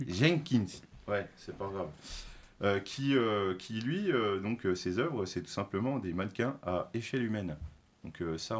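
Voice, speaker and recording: A lowish-voiced man presents part of a talk show, explaining things from his notes. Filler sounds, self-corrections and mild self-mockery run throughout.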